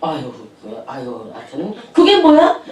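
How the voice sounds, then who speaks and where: A woman's voice: rumbling low, wildly swooping pitch, unhurried, darkish tone. A woman pastor telling chatty anecdotes in a sermon, laughing often as she speaks. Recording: echoey room, distant mic.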